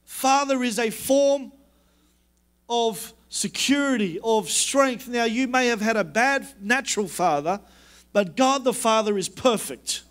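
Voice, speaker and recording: A man preaching a sermon as a pastor, emphatic and repetitive, dropping low and soft when he quotes God's words. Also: measured pace.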